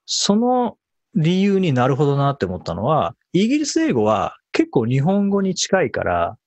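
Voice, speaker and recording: Man, husky, animated intonation, relaxed interview guest recounting his learning. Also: on the high side, moderate pace, no room sound. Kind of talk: conversational interview.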